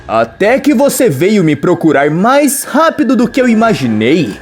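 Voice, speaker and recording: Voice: mid-range voice, huge pitch swings, normal speed, breathy edge, faint music behind. A narrator reading a smug scheming male boss who mocks and bargains. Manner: mocking, smug.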